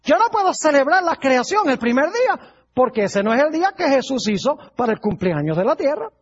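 A man's voice: very high voice, sing-song, fairly quick, highs cut off. A male pastor preaching a sermon, putting rhetorical questions to his congregation.

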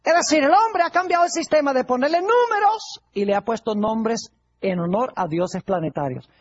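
A man's voice: very high voice, expressive, moderate pace, highs cut off. A male pastor preaching a sermon, putting rhetorical questions to his congregation.

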